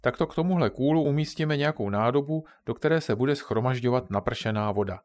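A man's voice: medium pitch, darkish tone, dry recording, natural voice. Jiřík, a man reading as an eager bossy boy. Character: plump boy camper, eager planner.

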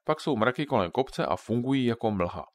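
A man's voice: medium pitch, expressive, no echo, studio quality, natural voice. A man voicing a joking father who patiently explains things to his children in a storybook reading. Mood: jokey explaining.

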